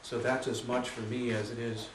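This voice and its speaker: A man giving a live poetry reading, introducing his poems with many hesitations and reading them slowly and deliberately. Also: medium pitch, flat delivery, slight background noise. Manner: hesitant, filler-heavy introductions; slow, measured reading. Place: room at a live reading with an audience. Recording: roomy, distant mic with faint ambience.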